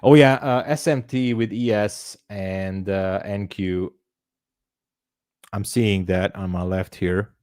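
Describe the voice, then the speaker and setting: Slow, low-voiced man from Hungary. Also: steady tone, darkish tone, no echo, clean studio sound. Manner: chatty, laughs often, thinks aloud. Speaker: livestream trading host. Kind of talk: casual live-stream chat.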